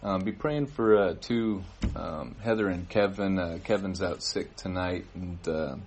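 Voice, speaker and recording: A man giving church announcements, halting with many fillers. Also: sits low, slight background noise. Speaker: worship leader giving announcements. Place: church service.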